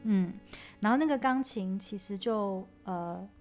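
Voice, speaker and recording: A woman's voice: medium pitch, measured pace, darkish tone, faint music behind. A woman chats about rehearsing a piece, often checking for agreement. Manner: chatty, asks for agreement. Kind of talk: casual music discussion.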